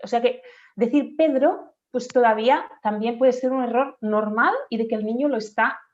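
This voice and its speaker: A woman's voice: on the high side, steady tone, moderate pace. Patient, methodical female expert; dull, lo-fi recording. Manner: patient, methodical explaining, demonstrates sounds aloud. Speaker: speech therapist guest. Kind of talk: explanatory interview talk. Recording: dull lo-fi audio.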